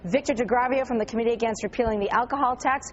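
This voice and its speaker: A woman with a Boston accent moderating a televised debate, asking brisk, prodding questions. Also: a little high, lo-fi sound, a little hiss or hum. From Boston area.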